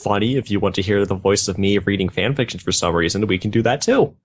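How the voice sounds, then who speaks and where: A man with a lowish voice reads fan fiction aloud at a quick pace for a gaming video, stumbling over odd words and breaking off with casual joking comments.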